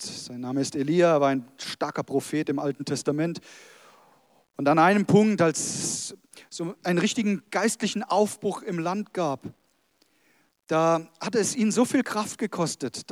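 A man's voice: a little high, dry recording, clean studio sound. A pastor preaching a sermon, talking to his congregation in a conversational way with light humour.

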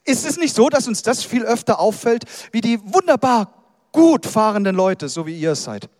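Give me a man preaching, lively and animated, slipping into little acted inner voices. His voice sits high, and it rings out with a long hall reverb. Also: moderate pace, studio quality. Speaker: pastor. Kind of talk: sermon.

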